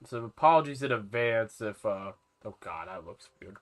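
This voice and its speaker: Lively, stuffy-nosed male game streamer. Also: lowish voice, moderate pace. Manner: chatty, rambling, talks to his viewers and to game creatures. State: stuffy nose, nasal and about to sneeze. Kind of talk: casual live-stream chat while playing.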